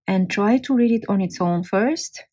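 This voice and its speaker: A woman gives a patient language lesson at an unhurried pace. She breaks words into single letters and syllables and sounds each out clearly. Her voice sits at a middle pitch, and now and then it drifts a little away from the mic. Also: warm tone. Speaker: language teacher. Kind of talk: slow, careful language lesson.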